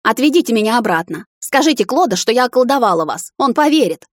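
A woman's voice: on the high side, sing-song, fast talker, dry recording, studio quality, pitched above the performer's own voice. A woman reading the part of a defiant young witch who hisses and snaps at her husband in anger. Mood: furious. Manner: hissing, furious outbursts. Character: fiery young witch heroine, defiant wife.

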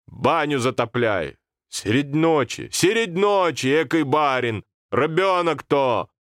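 Guy putting on a high squeaky old granny voice, fussing and scolding, storybook reading, dry sound. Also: lively intonation, a bit bright, no echo. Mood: fretful scolding. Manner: fretful, scolding, drawn-out village speech. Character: fussy scolding old village grandmother.

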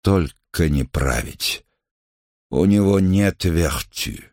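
A man's voice: low voice, slow, darkish tone, dry recording, studio quality. A man reading the lines of a weak, bedridden male revolutionary leader in an audiobook, with a faint, strained and pleading delivery.

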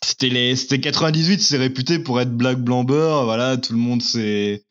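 A mid-pitched man chats casually on a podcast. He rambles and hesitates, doubling back on his words. The recording sounds slightly dull and lo-fi. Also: moderate pace. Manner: rambling, hesitant, many fillers and restarts. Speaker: podcast co-host. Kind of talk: casual chat.

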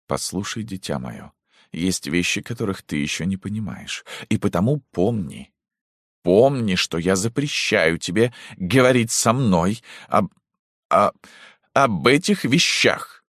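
A man voicing a proud, quick-tempered middle-aged courtesan mother who speaks sharply and indignantly, in an audiobook. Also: lowish voice, big pitch swings, slightly rough, no echo, clean studio sound, voice pushed up. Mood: tense.

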